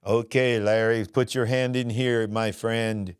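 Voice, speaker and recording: An older man, a show host, imitating a stiff robotic AI doctor's computer voice with a slow, flat, mechanical delivery. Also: lowish voice, clear, resonant tone, voice pushed down, lightly acted.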